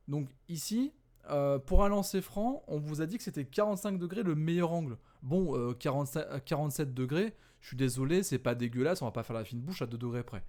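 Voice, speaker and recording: A man walking through an exam answer key in a casual, conversational way, often correcting himself and filling pauses, tired from working late at night. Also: fairly high pitch, darkish tone. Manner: conversational, many fillers and self-corrections. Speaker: physics teacher.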